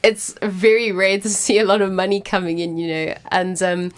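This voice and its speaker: A woman's voice: mid-range voice, steady tone, moderate pace. A woman presenting a local radio show, chatting casually with a band and laughing often.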